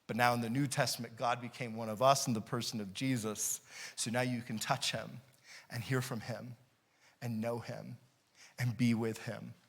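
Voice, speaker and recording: A man's voice: mid-range voice, flat delivery, moderate pace, creaky, slightly rough. A man preaching a sermon as pastor, repeating key phrases and building intensity, sometimes laughing as he explains. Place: church sanctuary.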